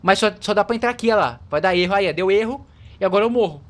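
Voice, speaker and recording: A man's voice: high-pitched, racing, a bit bright. A young man with a Brazilian accent doing let's play commentary of a horror game, yelping and laughing in fright while talking to his audience. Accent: Brazilian Portuguese. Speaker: gaming YouTuber. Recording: game music behind.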